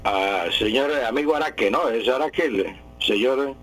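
A man's voice: medium pitch, normal speed, poor audio. A man, a language expert on a radio call-in show, patiently correcting word usage and repeating terms for emphasis.

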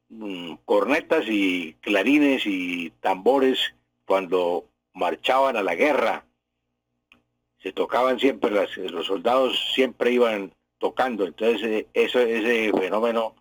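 A man's voice: lowish voice, animated, slow pace, husky, no echo. A man with a Colombian accent, a language professor answering listeners' questions on a radio segment, explaining at length and wandering into anecdotes. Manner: explanatory, digressive, tells historical anecdotes.

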